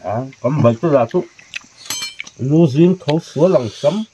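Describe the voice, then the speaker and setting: A man's voice: fairly high pitch, animated, normal speed, dark tone, muffled recording, slight background noise. A man chatting casually outdoors, mostly giving short agreeing replies.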